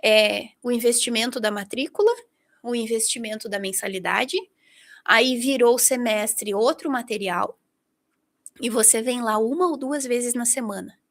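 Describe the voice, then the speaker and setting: A woman's voice: fairly high pitch, moderate pace. A middle-aged woman from Brazil teaching an online English masterclass, talking straight to her listeners and acting out what her students say. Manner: lively, talks directly to the listener, acts out students' quotes.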